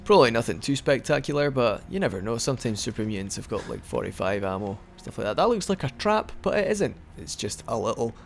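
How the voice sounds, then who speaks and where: A man's voice: medium pitch, very animated, fast talker, gravelly, hardly any pauses, soft background music. A young man giving rambling, casual commentary over a game he is playing, hiccuping now and then. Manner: chatty and rambling, with frequent restarts. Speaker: let's play commentator.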